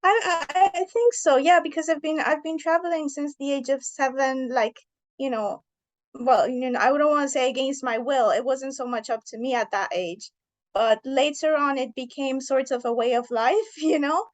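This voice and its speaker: Woman, 30s, from Iran, author, earnest, thoughtful, slightly high voice. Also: normal speed. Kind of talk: interview answers.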